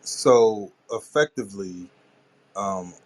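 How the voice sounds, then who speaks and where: Blunt, low-voiced male podcast host. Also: takes it slowly, low-quality recording. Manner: blunt, swears casually. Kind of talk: casual chat.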